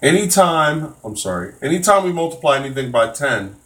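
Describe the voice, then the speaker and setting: A man's voice: a little high, sing-song, brisk, a bit bright. A man teaching a live-streamed test prep math lesson, casual and encouraging, with many fillers and restarts.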